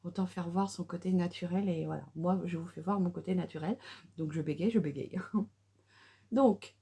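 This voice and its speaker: Middle-aged woman rambling through a makeup tutorial, lots of euhs, dark husky voice. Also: lowish voice, moderate pace. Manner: chatty, with many fillers and restarts. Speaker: beauty vlogger. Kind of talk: casual makeup tutorial chat.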